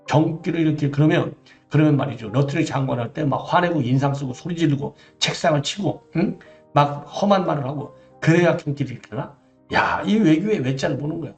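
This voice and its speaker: Exasperated male commentator, gravelly echoey voice. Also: mid-range voice, darkish tone. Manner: reads out a briefing, then breaks off to criticize it; emphatic, exasperated, with rhetorical asides. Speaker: political commentator, former broadcast journalist. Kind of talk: solo political commentary. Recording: echoey room, slightly dull sound, faint music bed.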